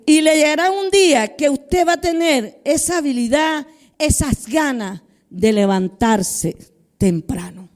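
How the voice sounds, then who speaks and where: A high-voiced woman pastor with a mellow, warm tone delivers a conversational sermon. She speaks directly to her congregation and slips into the voices of people praying or talking to themselves. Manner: acts out quoted prayers and inner voices.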